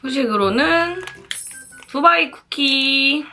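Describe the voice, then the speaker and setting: A woman's voice: high-pitched, expressive, slow, pushed and bright, slight background noise. A woman chatting casually to viewers as a mukbang host, talking between bites while she eats.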